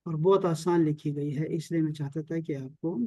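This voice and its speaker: High-voiced man teaching over a video call. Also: fairly even intonation, mellow, dry recording. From Pakistan. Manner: repeats key terms, checks understanding often. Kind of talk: online Arabic and Quran lesson.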